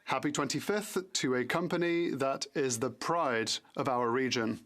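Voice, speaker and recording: A man with a medium-pitched voice interprets parliamentary proceedings. He delivers prepared tributes and announcements in a formal, official style. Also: measured pace, fairly bright tone. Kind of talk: formal rendering of prepared statements.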